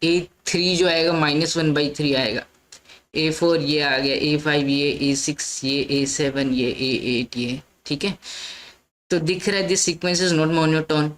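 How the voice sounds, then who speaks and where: A woman's voice: deep voice, fairly even intonation, slow, low-quality recording. A woman teaching a maths lesson, explaining step by step and often checking in with her listeners. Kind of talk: lecture mixing Hindi and English.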